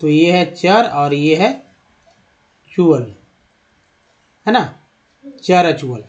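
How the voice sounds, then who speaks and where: A man teaching English pronunciation in a lesson, speaking slowly, spelling out letters and asking his viewers questions. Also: a little high, lively intonation, darkish tone, muffled recording. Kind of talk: Hindi-language pronunciation lesson.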